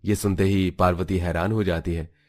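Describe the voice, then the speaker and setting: A man narrates a family cartoon in a steady storytelling style. His voice is very low and deep, and he reads the script evenly from scene to scene. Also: normal speed, slight background noise.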